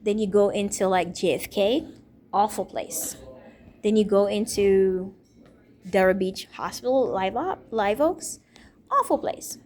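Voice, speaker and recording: A woman's voice: mid-range voice, unhurried, warm tone. A woman in her thirties from Jamaica, a teacher and minister, talking in a rambling personal monologue. She speaks emphatically and repeats herself. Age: 30s. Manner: emphatic, repetitive, stream-of-consciousness.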